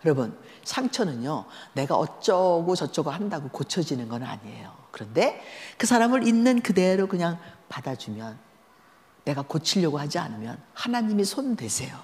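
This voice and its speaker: Speaking at a normal pace in a low register, this woman is a guest lecturer telling a sermon as a story at a church seminar. She keeps things lively and conversational, often asking her listeners questions, and the large sanctuary gives the recording an echoey quality.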